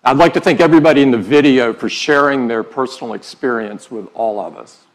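A middle-aged man hosting a keynote from a large theater stage. He speaks in measured tones at a mid pitch as he introduces the next speaker. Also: rough recording. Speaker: event host. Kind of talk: keynote presentation.

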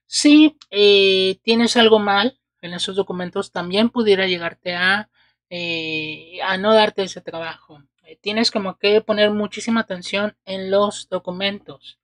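A woman lays out tarot cards and reads them for the viewer at an unhurried pace. She fills gaps with soft "eh"s and checks in with a little "ok?". Her voice sits at a middle pitch and sounds dry and close, with little room around it. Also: no echo. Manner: unhurried, many filler "eh"s and checking "¿ok?". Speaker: tarot reader. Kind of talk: tarot reading to camera. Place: indoors at a table.

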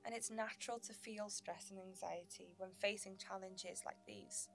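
A woman narrating a guided meditation in a gentle, soothing sleep-story manner, with measured pauses. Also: medium pitch, fairly even intonation, faint music behind.

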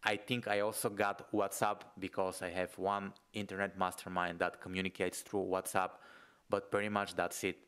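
A man's voice: low-pitched, level tone, moderate pace, a bit bright, clear, resonant tone. A young man from Bulgaria with a Bulgarian accent, giving a casual video lesson in a loose, conversational way, filled with "like". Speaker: entrepreneur and online business coach. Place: home room, indoors. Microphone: studio mic close in front of face.

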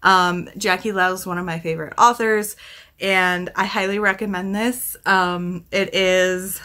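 A book vlogger in her thirties reviews books to camera from a small room at home, her bright voice of middling pitch steady and a little slow. She keeps it casual and chatty, thinking aloud, rambling, and correcting herself along the way.

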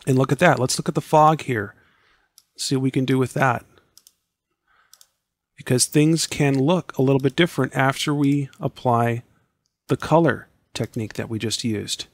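A man with a scratchy, hoarse voice, casually narrating a software tutorial step by step. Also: mid-range voice, moderate pace, pauses often, no room sound. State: hoarse, losing his voice. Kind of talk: screen-recorded tutorial voice-over.

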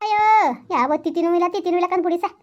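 A woman's voice: extremely high pitch, racing. A woman playing a scheming village wife, who pleads and makes excuses in a whiny way. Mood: pleading. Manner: pleading, whining, excuse-making. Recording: muffled lo-fi recording.

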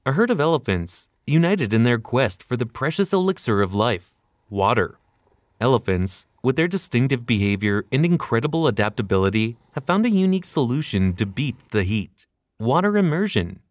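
Give the voice of a man narrating a nature documentary from a script. His pitch sits in the middle range for a man, and his delivery is measured and earnest, like storytelling. The voice-over is recorded close and dry, with no room sound. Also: no echo.

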